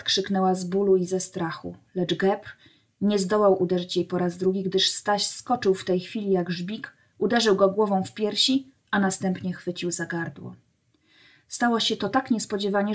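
Brief: woman narrator reading a classic novel to kids, steady and clear. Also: medium pitch. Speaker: storyteller reading to children. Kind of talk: storybook narration.

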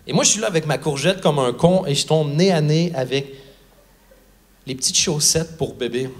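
Stand-up comic, male, high voice, storyteller who acts out each character. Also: moderate pace. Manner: storytelling, acting out the people he quotes. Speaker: stand-up comedian. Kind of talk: stand-up comedy set. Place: theatre stage before a live audience.

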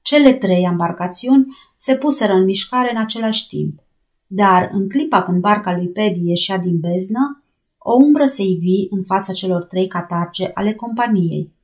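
A woman reading a novel aloud as an audiobook narrator, raising her voice for the sailors' shouts. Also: mid-range voice, lively intonation.

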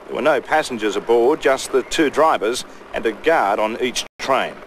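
Man doing a steady news voiceover, mid voice, bit of hiss. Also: mid-range voice, normal speed. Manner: steady, even reporting delivery. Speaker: news reporter. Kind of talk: scripted news narration.

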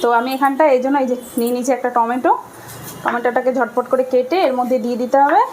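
This woman narrates her cooking for viewers in a chatty, easygoing way from her home kitchen. She speaks quickly in a high, steady, somewhat dark voice, and the rough recording carries a slight hiss or hum along with the clatter of the kitchen.

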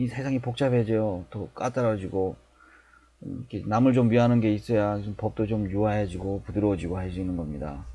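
A middle-aged man teaching a spoken English lesson, animated and repeating phrases slowly for learners to copy. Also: lowish voice, slightly rough.

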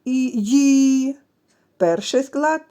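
Woman preschool teacher, mellow and unhurried, gentle delivery for small children. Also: high-pitched. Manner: gentle, addresses children directly, stretches sounds. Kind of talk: slow, clearly articulated literacy lesson for children.

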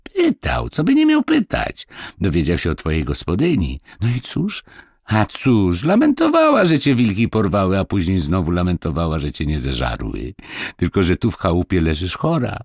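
Cheerful young peasant brothers chatter in a rustic, boyish way, as a man reads them in a storybook. The voices bounce up and down, with a husky edge. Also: sits low, huge pitch swings, moderate pace, darkish tone, no room sound, studio quality, pitched above the performer's own voice, full character voice. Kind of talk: audiobook fairy-tale reading.

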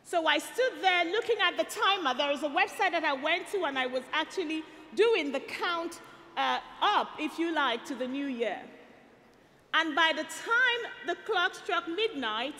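High, bright Nigerian-born woman rallying an arena. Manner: builds to rallying shouts and call-and-response. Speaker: speaker at a youth rally. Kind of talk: rousing motivational speech. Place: large arena stage. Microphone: headset mic. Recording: long arena reverb. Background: arena hall.

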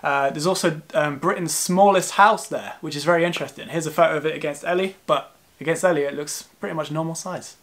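A little high and fairly bright, this young man's voice moves at a quick pace as he does casual travel vlog talk to the camera. He's in his twenties, on the living room sofa, chatty and self-deprecating.

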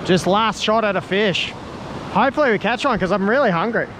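Excitable Australian man fishing in surf. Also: sits high, a little fast. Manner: excitable, laughing, exclaiming at catches. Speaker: fishing channel host. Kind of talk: casual fishing vlog chat. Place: outdoors on a surf beach at sunset. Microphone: head-mounted action camera. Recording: loud surf and wind noise outdoors.

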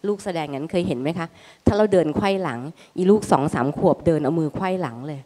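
A woman talking on a live talk show, explaining calmly and at length, now and then briefly mimicking a scolding parent. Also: sits low. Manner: explanatory, acts out children's and parents' voices in quick bursts. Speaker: guest speaker on parenting. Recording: long hall reverb.

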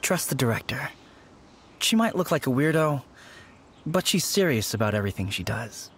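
A man voicing a serious, loyal undertaker in a game, formal and measured. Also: medium pitch, big pitch swings, a bit bright, slight background noise. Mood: composed, serious. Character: sober, loyal male undertaker. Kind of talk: animated game character acting. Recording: clear music behind the voice.

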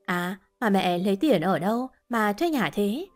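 A woman's voice: medium pitch, animated, a little slow, soft background music, close to an everyday voice. A woman voicing a spiteful, scornful young wife. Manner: mocking, scornful.

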